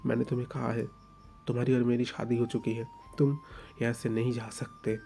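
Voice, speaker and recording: Casting: male storyteller playing a possessive young husband, low and gravelly, sweet-talking with a threat underneath. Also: flat delivery, brisk, warm tone, soft background music, close to an everyday voice. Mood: coaxing. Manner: coaxing yet menacing, stammers.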